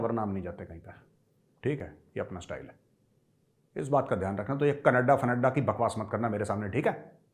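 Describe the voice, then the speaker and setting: A man giving fiery, taunting political commentary straight to his viewers, addressing them as friends. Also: medium pitch.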